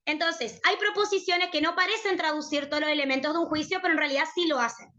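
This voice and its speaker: A woman with an Argentine Spanish accent tutors university applicants in logic, pausing after nearly every phrase to check that they follow. Her voice sits high and sounds bright and sharp. The recording is a little dull and lo-fi. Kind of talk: university prep logic lesson.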